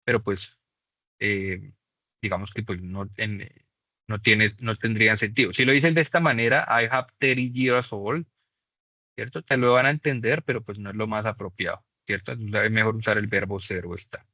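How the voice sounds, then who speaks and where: A man teaching a beginner English class, explaining patiently and slowing down to model English examples. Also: on the low side, steady tone, pushed and bright, dry recording. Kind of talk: online class lesson. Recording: dull dry lo-fi mic.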